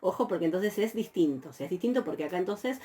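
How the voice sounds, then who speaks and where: This Argentine woman has a lowish, mellow voice and speaks quickly and with energy. She's giving a recorded university lecture on Greek grammar, explaining things patiently and using lots of fillers.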